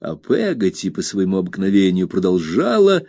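A man narrating an audiobook in an expressive storytelling manner. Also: deep voice, moderate pace. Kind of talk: scripted narration.

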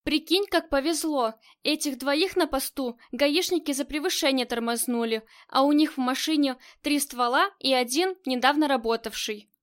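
A woman voicing an excited, loud male gangster associate in an audiobook, talking in slang. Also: high voice, moderate pace, few pauses, close to an everyday voice. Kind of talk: audiobook character reading.

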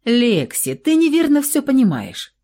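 A woman's voice: high-pitched, huge pitch swings, a little slow, warm tone, pitched above the performer's own voice, full character voice. A woman reading aloud and voicing a playful younger vampire brother who teases cheerfully. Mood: teasing. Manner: teasing, cheerful.

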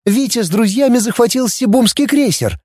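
A man's voice: very high-pitched, moderate pace, mellow, no echo, studio quality, pitched above the performer's own voice. A man reading an audiobook, voicing an eager young woman who chimes in to explain. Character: young woman, quick and knowing.

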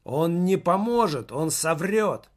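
A frantic male office worker shouts his warnings in a raised, strained voice, as a male audiobook reader puts him on. He pleads in a high, urgent register. The delivery stays slow and deliberate even at its loudest. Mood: alarmed pleading.

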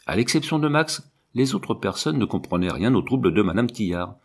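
A man reading a classic novel aloud in a measured, expressive narration. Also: fairly low pitch, husky. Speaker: audiobook reader.

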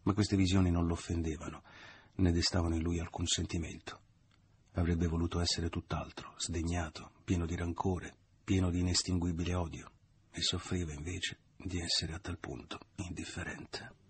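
A man narrating a literary novel as an audiobook, in a measured, even reading. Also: low-pitched, husky.

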